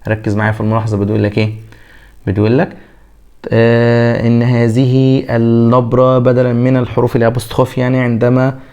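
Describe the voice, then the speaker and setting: A man with an Egyptian Arabic accent teaching a French pronunciation lesson, drawing out example words slowly and answering his own questions. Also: medium pitch, monotone, darkish tone, smooth. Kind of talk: classroom lesson.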